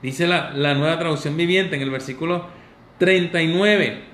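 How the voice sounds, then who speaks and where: A man preaching a sermon as pastor, in an animated, conversational way. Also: a little high, normal speed. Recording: echoey room with faint ambience.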